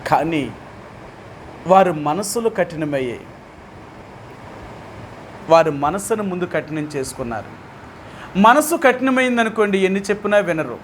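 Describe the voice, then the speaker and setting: A man's voice: high voice, big pitch swings, unhurried, pauses often, slight background noise. A man with a Telugu accent leading a Bible study as pastor, who keeps putting questions to his listeners and speaks with emphasis.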